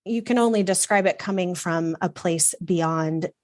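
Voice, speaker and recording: Here a middle-aged wardrobe consultant from Texas, USA, talks as a guest in a lowish voice, a little slowly, over clean studio sound with no room noise. It's casual conversational storytelling about her own life, earnest and reflective, with some fillers.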